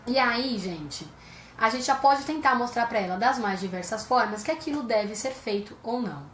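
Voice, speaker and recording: A woman's voice: a little high, expressive, moderate pace, fairly bright tone, roomy sound, slight background noise. Brazilian woman psychologist explaining. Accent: Brazilian Portuguese. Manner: explanatory, uses rhetorical questions. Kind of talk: live-stream conversation.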